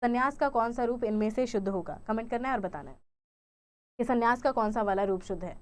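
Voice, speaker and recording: A young woman teacher runs an exam-prep grammar lesson in a fairly high voice. She keeps quizzing her viewers and repeats each answer choice as a question. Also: quick pace.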